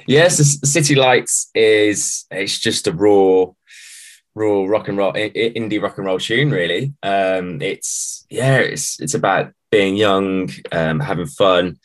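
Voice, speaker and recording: A man with a British accent, chatting casually as an interview guest in a halting, matey way. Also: on the low side. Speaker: band musician, interview guest. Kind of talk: casual chat.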